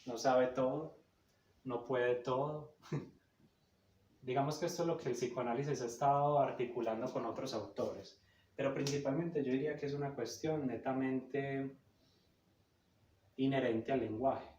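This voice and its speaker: A man's voice: medium pitch, steady tone, a little slow, pauses often, darkish tone, slight background noise. Didactic man, roomy and distant. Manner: didactic, emphatic, checks in with "cierto?". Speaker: psychoanalysis lecturer. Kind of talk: explanatory talk on psychoanalysis. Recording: roomy echo, a bit far from the mic.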